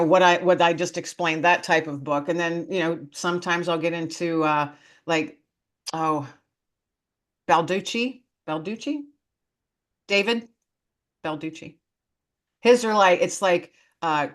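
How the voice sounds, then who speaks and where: Low-pitched American woman, chatting casually. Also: slow pace, pauses often, a bit bright. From northern United States. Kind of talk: casual chat.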